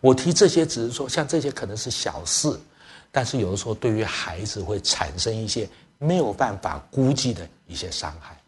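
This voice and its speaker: A middle-aged man preaches as a church elder, his voice sitting fairly low. He tells family stories in a lively way, acting out both sides of conversations and slipping English phrases into his talk. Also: brisk. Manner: lively storyteller, acts out family dialogue; drops English phrases into speech. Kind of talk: sermon storytelling to parents.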